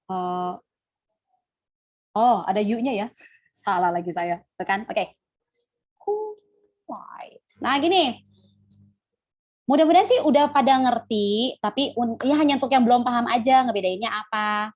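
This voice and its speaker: A woman's voice: fairly high pitch, normal speed, pauses often. A young woman teaching English in a casual live online class, chatty and self-correcting as she talks to her viewers.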